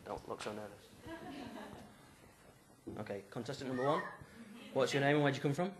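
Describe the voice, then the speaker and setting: Over heavy background noise, a young man uses a handheld mic to lead a youth group with lively, joking game-show banter. He speaks briskly, with medium pitch and lively intonation, in a small church hall that has a stage and drum kit.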